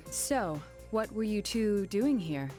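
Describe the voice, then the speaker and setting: A polite young detective in a video game. The voice sits at a middle pitch, reserved and composed, over background music. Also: female voice, expressive, takes it slowly, a little mellow. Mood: composed inquiry.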